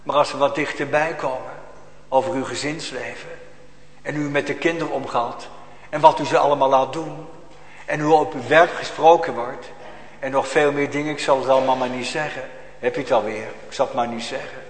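A man's voice: mid-range voice, steady tone, fairly quick. A male pastor delivering a sermon in an emphatic, admonishing way, with pointed rhetorical questions to his congregation. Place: church. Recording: echoey church hall, long reverb.

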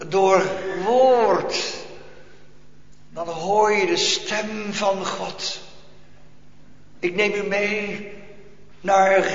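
A man preaches in a church, slow and weighty, with swelling, rising calls. His voice sits high. The sound is dull and rings through a long hall. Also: a bit bright. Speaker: pastor. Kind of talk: sermon.

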